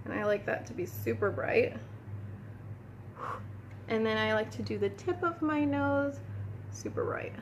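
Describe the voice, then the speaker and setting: Talking a little slowly and pausing often, a beauty vlogger with a higher-side voice chats to viewers as "you guys" while applying makeup indoors at home. She sniffles a bit from the cold room, and slight background noise is present in this casual tutorial.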